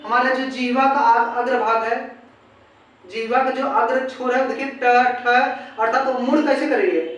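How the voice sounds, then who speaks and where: A woman's voice: fairly high pitch, steady tone, normal speed. A woman teaching an exam-prep grammar lesson who keeps asking rhetorical questions, repeats herself and sounds out letters one by one. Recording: very echoey room, far from mic.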